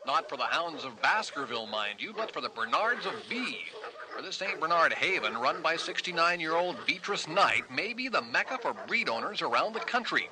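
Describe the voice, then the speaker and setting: A man narrating a television feature as a field reporter, measured and wry. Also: a little high, very animated, noisy background. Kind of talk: scripted narration.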